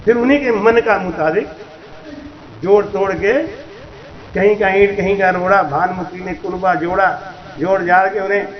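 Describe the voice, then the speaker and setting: A man's voice: high voice, moderate pace, pauses often. A man, a spiritual teacher, giving a storytelling sermon, acting out dialogue and chanting verses. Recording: echoey, dull lo-fi hall recording.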